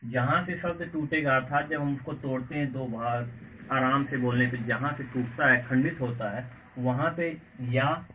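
A man teaching a grammar lesson in a coaching class, slowly repeating words and asking the class questions. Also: mid-range voice, bright, forceful tone. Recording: far from mic with faint background noise.

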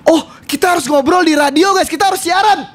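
A man streaming a horror game, talking loudly and rowdily to his chat and swearing often. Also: very high voice, fast, slight background noise. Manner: loud, rowdy, swearing, addresses chat constantly. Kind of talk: live-stream gameplay commentary.

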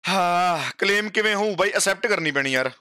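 A man's voice: sits high, animated, a little fast, sharp tone, smooth, no echo, studio quality. A man with a Punjabi accent chatting casually and boisterously as a game livestream host, full of slangy banter and swearing. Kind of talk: casual gameplay livestream chat.

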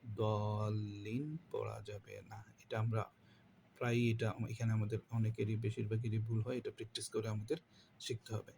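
Male recitation teacher, patient drilling style; dark, gravelly tone. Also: fairly low pitch, completely flat delivery, brisk, a little hiss or hum. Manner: repetitive drilling, asks and answers his own questions. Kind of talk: tajweed lesson.

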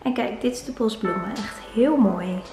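A woman's voice: fairly high pitch, normal speed, music in the background, low-quality recording. A young woman in her twenties chatting in a casual vlog, filming herself handheld in an empty new apartment. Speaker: vlogger. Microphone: handheld camera close to the face.

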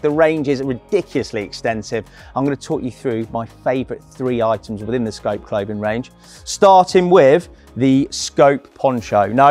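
A young man walks through new gear with a lively, salesy, colloquial delivery. His voice sits at an ordinary pitch for a man. Faint music plays softly behind him in a large indoor hall. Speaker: product presenter. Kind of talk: walk-through product presentation. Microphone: lapel mic.

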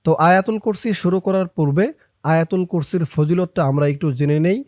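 A teacher giving a step-by-step recitation lesson, talking quickly between slow, drawn-out chanted phrases and asking viewers to repeat each one. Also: mid-range voice, a little mellow, dry recording, clean studio sound.

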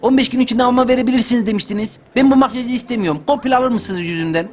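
Young man, excitable, joking gaming commentary, high-pitched, faint background music. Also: very fast. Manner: excitable, joking, talks to viewers. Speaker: gaming youtuber. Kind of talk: lets-play commentary.

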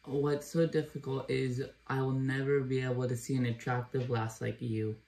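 A courteous blind gentleman on a date, played by a man. His voice is gravelly and fry-edged, and he speaks in earnest, old-fashioned phrases. The voice sits in the middle of the range. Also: mid-range voice, flat delivery, normal speed, recorded from a distance, slight background noise, close to an everyday voice. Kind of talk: comedy sketch acting.

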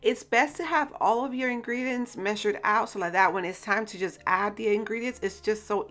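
A woman's voice: medium pitch, normal speed. Woman, 30s, home vlogger, casual and laughing, echoey kitchen. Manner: chatty, laughs often, says y'all and girl. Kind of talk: casual vlog chat to camera. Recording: echoey kitchen with soft music.

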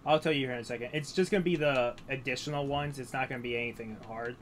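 A man's voice: medium pitch, fast talker, slight background noise. Laid-back man chatting over a game. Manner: relaxed, rambling, with fillers. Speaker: gameplay channel host. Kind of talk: casual gaming chat.

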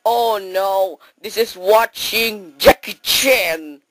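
A woman's voice: medium pitch, drawn-out words, fairly bright tone, no room sound, rough recording. A woman acting out an improvised comedy skit in broken English, full of exclamations and sudden switches of voice.

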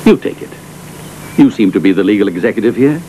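A man's voice: fairly low pitch, lively intonation, fast, mellow, slight background noise, close to an everyday voice, low-quality recording. A man playing a pompous aristocratic father. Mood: scornful. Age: middle-aged. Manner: pompous, sneering. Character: haughty rich aristocratic father, scornful and sly. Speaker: wealthy father. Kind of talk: dubbed film acting.

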